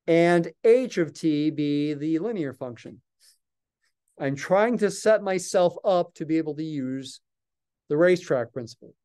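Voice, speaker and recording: A man's voice: on the high side, animated, unhurried, mellow, clear, resonant tone. An older man giving a recorded calculus lecture, talking patiently and thinking aloud as he writes at a desk in a small office. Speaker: math lecturer.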